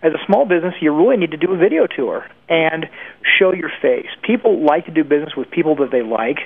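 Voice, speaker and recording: This interview guest sounds animated and husky, with a slightly high voice at a quick pace. He answers informally and with conviction, stressing his points conversationally, through a thin phone-style line carrying faint noise.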